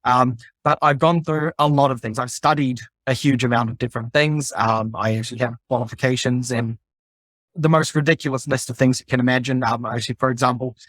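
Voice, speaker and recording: A man's voice: medium pitch, fairly bright tone, no room sound. A middle-aged man from New Zealand, a podcast guest explaining his background step by step in casual conversation. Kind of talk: casual chat.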